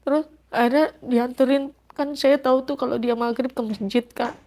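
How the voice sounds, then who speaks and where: A woman's voice: high-pitched, fairly even intonation, moderate pace, warm tone. A middle-aged woman giving an emotional personal testimony in an interview, acting out quoted dialogue as she recounts events.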